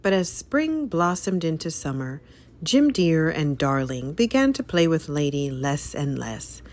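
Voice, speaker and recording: Soft music plays behind a woman reading a children's story aloud in a low voice, a little slowly. She narrates dramatically and expressively, her pitch swinging widely at each turn of the tale.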